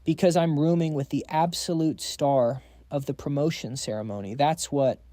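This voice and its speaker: A man putting on a talkative, goofy young roommate in a storybook recap, upbeat and eager. The voice is a touch high and mellow, close and dry. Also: moderate pace, no echo, natural voice. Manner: upbeat and chatty.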